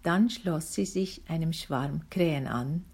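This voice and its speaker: A woman calmly reading a children's book aloud, slowly and deliberately. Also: low voice, husky. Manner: slow, calm, deliberate reading. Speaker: reader.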